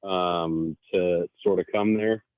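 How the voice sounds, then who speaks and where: A man's voice: deep voice, steady tone, takes it slowly, clean tone, dry recording. A man in his forties calling in, chatting casually and rambling with lots of fillers over a phone line. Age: 40s. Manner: rambling, hesitant with many fillers. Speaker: caller. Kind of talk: casual chat.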